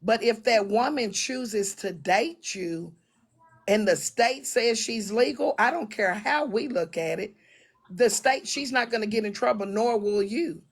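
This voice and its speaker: A woman's voice: a little high, measured pace. A woman who is a guest on a livestream, arguing firmly and dismissively and cursing freely. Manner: dismissive, firm, curses freely. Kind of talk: heated livestream argument.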